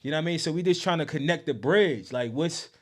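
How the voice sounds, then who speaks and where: A man's voice: on the high side, animated, fast. A man hosts a casual interview podcast. He phrases questions loosely in street slang. He often drops in short words of agreement as he goes.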